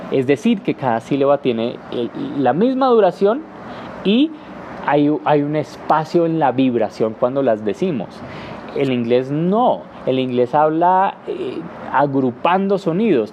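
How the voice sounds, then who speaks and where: A man's voice: medium pitch, mellow, highs cut off, a little hiss or hum. A man teaching English in a live question-and-answer session, explaining patiently with frequent "eh" fillers and tapping out rhythms with "ta ta ta". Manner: demonstrates rhythms with "ta ta ta". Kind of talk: live Q&A lesson.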